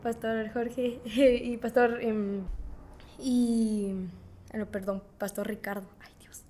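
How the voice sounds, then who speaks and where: A young woman giving a casual church testimony in an interview, telling her story in a lively way and acting out remembered dialogue. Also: fairly high pitch, takes it slowly, a little hiss or hum.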